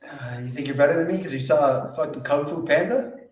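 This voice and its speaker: A man's voice: on the high side, fairly quick, darkish tone. A man co-hosting a podcast, chatting casually, joking and swearing as he riffs. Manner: joking, profane, riffing. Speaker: podcast co-host. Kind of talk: casual chat.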